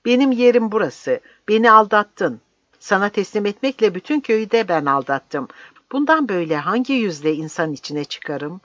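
A reader voicing a fiery old village priest who shouts his defiance in an impassioned, declaiming way, on a dry, slightly dull recording. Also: medium pitch, very animated, normal speed, no echo, pitched above the performer's own voice, lightly acted. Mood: defiant, shouting.

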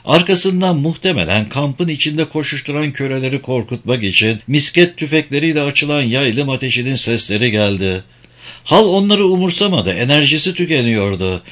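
A man reading an adventure novel aloud in measured, dramatic audiobook narration. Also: medium pitch, expressive, fairly bright tone.

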